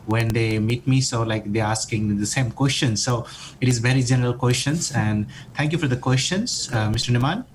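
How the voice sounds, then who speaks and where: A man's voice: medium pitch, moderate pace, slight background noise, poor audio. A man from Nepal, a doctoral student, answering podcast interview questions in a hesitant way with many fillers and restarts.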